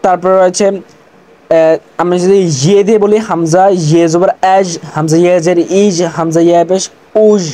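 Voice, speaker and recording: A teacher leads an online language lesson in a warm, mellow voice. Each letter and its vowel sound is read out slowly and deliberately, like a drill. The lesson opens with religious greetings and a short prayer. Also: medium pitch, fairly even intonation. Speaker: Urdu teacher.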